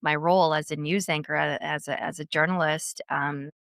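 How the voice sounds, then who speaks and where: A woman's voice: low voice, steady tone, moderate pace, creaky, fairly bright tone, no room sound, clean studio sound. A woman in her thirties hosting a podcast interview, speaking reflectively with frequent restarts. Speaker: podcast host, former news anchor. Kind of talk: conversational interview.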